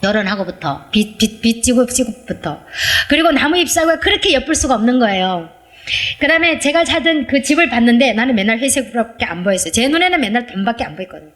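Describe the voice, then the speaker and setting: A woman pastor delivers a heartfelt testimony sermon. Her voice sits fairly high, and she tells her story earnestly and with feeling, her pitch rising and falling as she speaks. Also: big pitch swings, fast, a bit bright.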